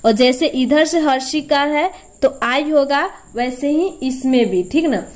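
A woman's voice: high-pitched, unhurried, darkish tone. A woman teaching a spelling lesson step by step, patiently repeating each sound and answering her own questions.

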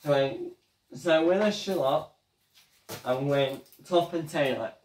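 Slow-talking young man cooking at home. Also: on the high side, a little mellow, slight background noise. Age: young adult. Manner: halting, chatty, talks while cooking. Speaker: home cooking show host. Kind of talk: casual cooking vlog. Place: small home kitchen, indoors. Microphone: fixed camera across the room. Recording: echoey kitchen, voice from far off.

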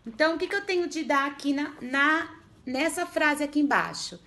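Speaking in a high, animated voice with a bright, forceful tone, this Brazilian Portuguese-accented woman teaches first graders to read over a remote lesson. As a primary school teacher, she goes slowly and patiently, breaking words into syllables and frequently checking on the kids.

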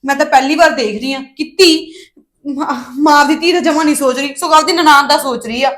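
A woman's voice: high voice, a bit bright. An actress playing a defiant young unmarried daughter who argues sharply with her mother. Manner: defiant, quick arguing. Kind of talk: Punjabi family drama acting.

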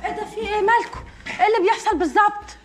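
A woman's voice: very high-pitched, very fast, very noisy. An actress playing a worried wife and mother who demands to know what is happening, in Egyptian Arabic. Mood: alarmed. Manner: alarmed, demanding answers. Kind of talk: film drama acting.

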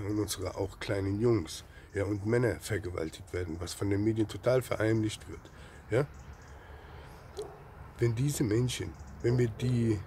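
A man giving an impassioned religious rant, throwing out rhetorical questions and a constant "ja?", swinging between loud outbursts and low murmurs. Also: slight background noise.

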